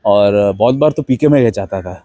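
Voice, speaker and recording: A man's voice: fairly low pitch, normal speed, dark tone, no room sound, clean studio sound. A man telling a rambling personal story in a casual monologue, dropping in English words. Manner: rambling anecdotal, mixing Hindi with English words. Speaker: host.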